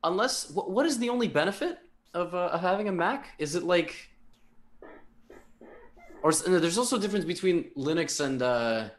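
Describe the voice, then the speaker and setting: A man's voice: sits high, expressive, normal speed, pauses often. A man chatting casually on a chess stream, rambling through restarts and asides to his viewers.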